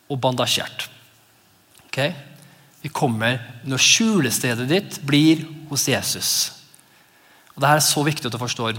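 A male pastor in his thirties giving a lively, conversational sermon, sometimes acting out voices in his exclamations. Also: fairly high pitch. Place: church. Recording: long church reverb.

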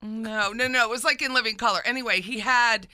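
Emotional, very bright-voiced woman radio host. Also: fairly high pitch, a little fast, dry recording. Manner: emotional, animated storyteller. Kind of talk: casual radio chat. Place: radio studio at a desk. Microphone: studio microphone.

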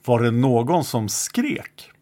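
A man reading aloud the questions of a male investigator who is questioning a child, in a plain, measured way. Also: mid-range voice, big pitch swings, warm tone. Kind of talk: reading an interrogation transcript aloud.

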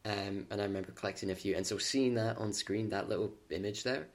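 A man with a very deep voice chats on a podcast. He rambles with enthusiasm and chips in with short agreeing replies. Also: steady tone, fast. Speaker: podcast co-host. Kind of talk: casual chat.

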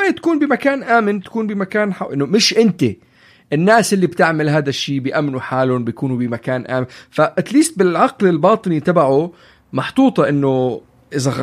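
A man with a Levantine Arabic accent hosting a casual discussion, repeating and restarting phrases and mixing in English. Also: on the high side. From lives in Canada. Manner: mixes in English phrases, repetitive halting phrasing. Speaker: podcast host.

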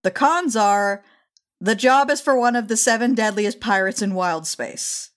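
A woman narrating a tabletop game as game master, unhurried and hesitant, with frequent fillers. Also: fairly high pitch.

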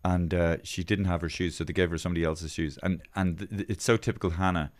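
A man with a very low voice hosts a relaxed podcast chat at the microphone. He rambles, restarting sentences and repeating words as he goes. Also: fast talker, no echo. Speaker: podcast host. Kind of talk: casual chat.

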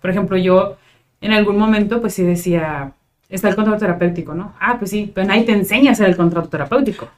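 A woman's voice: medium pitch, quick pace, darkish tone. A Mexican woman in her thirties, a psychologist, chatting casually and expressively with lots of fillers. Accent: Mexican Spanish. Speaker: psychologist guest. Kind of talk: casual podcast chat.

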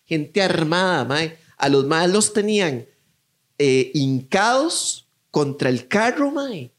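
A man's voice: on the high side, sing-song, takes it slowly. A young man with a Costa Rican accent telling a story in casual chat, acting out voices as he goes.

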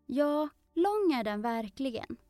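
A woman's voice: high voice, very animated, dark tone, dry recording, faint music behind, pitched above the performer's own voice. A woman voicing Alice, a curious, polite young girl who talks earnestly and eagerly in a storybook.

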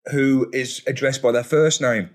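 A man's voice: mid-range voice, steady tone, measured pace. A man, a comedian guest making dry jokes in casual chat. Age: 30s. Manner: dry, joking.

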